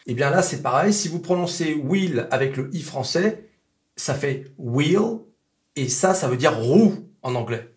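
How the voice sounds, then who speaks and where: A native French speaker giving a casual pronunciation lesson, repeating sounds slowly to demonstrate them. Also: male voice, fairly high pitch, expressive. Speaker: English pronunciation teacher.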